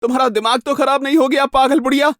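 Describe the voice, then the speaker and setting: A man voicing an unhinged, jealous woman who taunts with slow, drawn-out menace in a horror storybook narration. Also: very high voice, no room sound, clean studio sound, pitched above the performer's own voice. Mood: crazed, taunting. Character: unhinged jealous knife-wielding woman, shrill.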